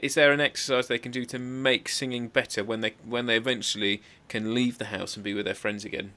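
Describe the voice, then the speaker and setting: Bright-voiced male interview host. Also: mid-range voice, steady tone, a little fast. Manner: jokey, chatty questions to a guest. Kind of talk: casual video-call interview. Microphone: video call.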